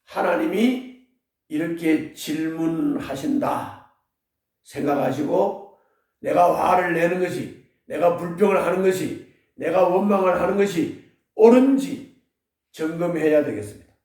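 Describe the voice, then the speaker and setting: High-voiced pastor in an echoey room. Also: male voice, a little slow, pauses often, a little mellow. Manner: earnest, repeats searching questions to listeners. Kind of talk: Bible meditation sermon. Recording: echoey room, distant mic.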